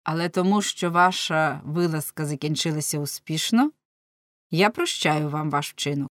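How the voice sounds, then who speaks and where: A woman voicing a stern older male fleet admiral in an audiobook, speaking in a commanding, formal way, raised and loud. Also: deep voice, normal speed, no room sound, clean studio sound, lightly acted.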